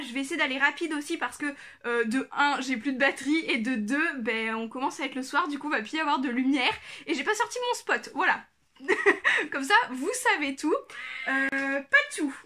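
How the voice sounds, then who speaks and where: Bright high-voiced chatty woman vlogger. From France. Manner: chatty, with fillers and self-corrections. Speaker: craft vlogger. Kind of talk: casual haul vlog.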